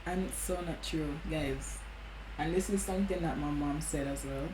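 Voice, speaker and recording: A woman's voice: low-pitched, normal speed, echoey room, noisy background. A woman chatting casually, emphatic and affirming. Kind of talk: casual chat.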